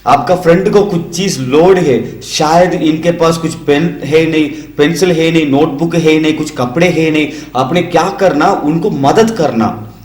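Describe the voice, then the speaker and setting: A man giving a children's sermon at a Bible school, acting out parents and children in a higher voice. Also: a little slow, darkish tone. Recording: echoey room.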